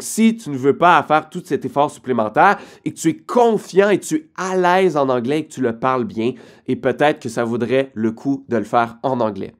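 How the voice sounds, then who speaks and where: Male online coach, slightly high voice; direct, encouraging advice-to-camera delivery. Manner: direct, encouraging, addresses viewer as tu. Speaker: online course creator and coach.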